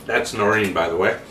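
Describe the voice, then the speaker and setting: A man's voice: fairly low pitch, slight background noise. A man hosting a casual home cooking video, easygoing and plainspoken as he walks through a family recipe. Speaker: home cook, channel host.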